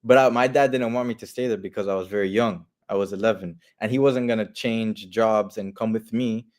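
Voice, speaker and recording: A man's voice: fairly low pitch, fairly even intonation, fairly quick, darkish tone. A young man in his twenties from Canada, a football player talking candidly in an interview and repeating phrases for emphasis. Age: 20s. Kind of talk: casual interview talk.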